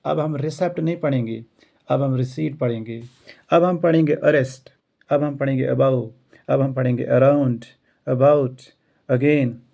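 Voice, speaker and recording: An Indian schoolteacher, a man who taught himself English and isn't a native speaker, gives an earnest motivational talk to students and teachers, building up repeated rhetorical lines. His medium-pitched voice is steady, gravelly and mellow, at a measured pace.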